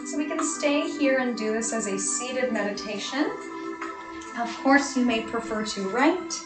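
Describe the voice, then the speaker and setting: A woman meditation teacher speaks in a fairly high voice, guiding listeners gently and without hurry. Her delivery is soothing and instructional. The room rings with clear echo, and music plays behind her. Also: lively intonation, a little slow. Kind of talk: guided meditation.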